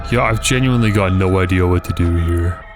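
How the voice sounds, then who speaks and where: A man's voice: deep voice, brisk, over music. A man hosting a gaming video, thinking aloud in casual, reactive commentary.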